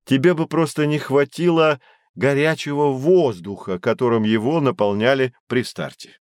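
In an educational audio drama, a male actor plays a knowledgeable, patient guide teaching children, delivering lines in a didactic, emphatic way. His medium-pitched, darkish voice moves at normal speed and is lightly acted, with a patient, explanatory mood. The studio-quality recording has no echo.

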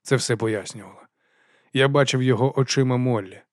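A man narrates a first-person fantasy audiobook in a measured, quiet manner. His voice sits at a medium pitch, recorded close and dry. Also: no echo.

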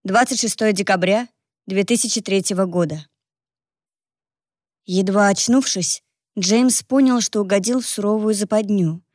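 A woman reading a novel aloud as narrator, in an even, measured way. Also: medium pitch, dry recording, clean studio sound. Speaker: audiobook narrator. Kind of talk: scripted narration.

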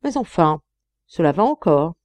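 A woman voicing an older male mining engineer, speaking in a measured, fatherly way. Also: fairly low pitch, big pitch swings, darkish tone, no echo.

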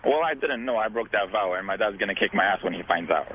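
A man's voice: on the low side, expressive, quick pace, slight background noise. A man, calling into a radio show, hesitant and full of fillers. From Syria. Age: 20s. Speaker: caller. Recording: tinny phone line.

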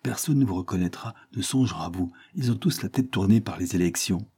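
Man doing a calm middle-aged lawyer, measured, grave, low, dark, audiobook. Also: husky. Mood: calm, firm.

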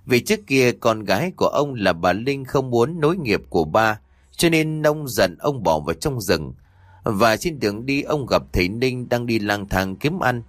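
A man narrating an audio ghost story with expressive storytelling. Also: mid-range voice, normal speed, no echo, clean studio sound.

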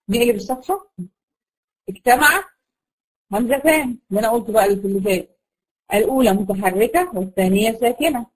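A woman with an Egyptian Arabic accent teaching a tajweed lesson to a class of girls, patiently asking questions and drawing out example words slowly. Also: medium pitch, darkish tone, low-quality recording. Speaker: Quran recitation teacher.

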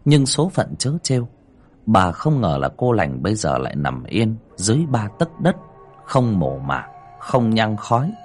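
A man's voice: on the low side, very animated, measured pace, darkish tone, soft background music. A man narrating a horror story with dramatic storytelling. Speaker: audiobook narrator.

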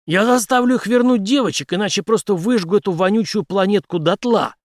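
A man voicing a determined former captain who speaks forcefully to his friends. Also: high-pitched, expressive, fairly quick, no echo, studio quality, pitched above the performer's own voice. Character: resolute male ex-captain, a devoted husband.

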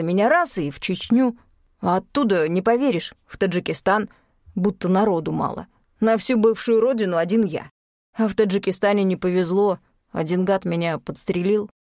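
Lady reading as a smooth-talking lying guy, folksy slang, a bit lower than her own voice, dry sound. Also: a little mellow, no room sound. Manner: folksy slang, wheedling and self-pitying. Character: cheeky, fibbing man, a folksy secret agent. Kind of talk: audiobook character voice.

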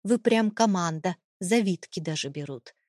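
Brief: woman playing a contemptuous, controlling husband, low and cold, dry close read. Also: expressive, moderate pace, darkish tone, no echo. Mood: cold menace. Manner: mocking, icy, menacing. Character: cold, contemptuous, domineering husband, adult man. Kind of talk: audiobook character reading.

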